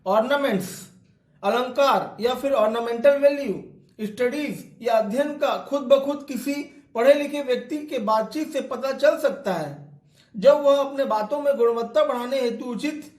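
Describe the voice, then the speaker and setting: A man teaching English literature, reading each quoted line slowly and then explaining it in Hindi as a line-by-line lecture. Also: very high voice, a little mellow, echoey room.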